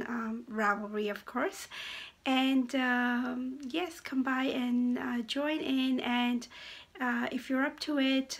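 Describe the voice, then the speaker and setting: A woman hosts a casual podcast at a slow, unhurried pace. Her voice sits a little high and stays fairly flat in melody. She pauses hesitantly, sounding slightly hoarse, as if her voice is giving out. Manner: hesitant, halting with frequent pauses. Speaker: knitting podcast host. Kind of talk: casual chatty video podcast.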